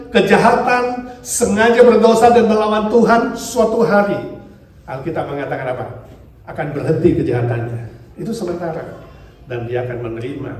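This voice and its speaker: A male pastor preaching a sermon in a lively way, asking the congregation questions and mixing in English phrases. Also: fairly high pitch. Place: church hall. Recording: distant mic in a very echoey church hall, faint noise.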